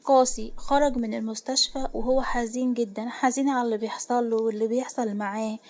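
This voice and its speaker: A woman's voice: on the high side, steady tone, a little mellow. A woman with an Egyptian Arabic accent narrating a dramatic romance story, voicing its characters' lines with feeling. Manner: fast, emotional storytelling with voiced quotes.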